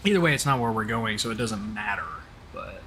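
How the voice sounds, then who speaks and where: On a game stream's voice chat, a lowish-voiced man speaks a little fast, joking casually while live-streaming a flight simulator. He hails from Oklahoma in the southern US, and a steady noise hums behind him.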